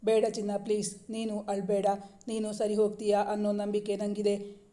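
A woman's voice: medium pitch, monotone, normal speed, dark tone, close to an everyday voice. Tender young husband, read by a woman.

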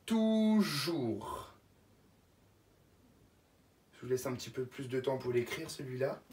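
A woman teacher dictates simple words to young children in a low voice, spelling each one slowly letter by letter. She sits back from the microphone in a room with an echo. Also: little pitch movement, dark tone. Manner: slow, spells words letter by letter and repeats them. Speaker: first-grade teacher. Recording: echoey room, voice from a distance.

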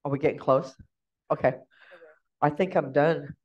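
A woman giving an informal storytelling talk as guest speaker, chatty and quick to laugh, recorded in a lecture room. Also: deep voice, slightly rough. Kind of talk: casual storytelling presentation. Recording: dull lo-fi recording.

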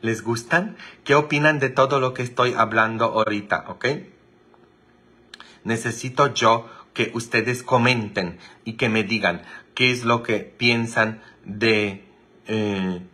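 Teasing priest on livestream. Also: male voice, mid-range voice, steady tone, takes it slowly, bright, forceful tone. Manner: teasing, chatty, asks viewers many questions. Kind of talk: joke-telling livestream chat.

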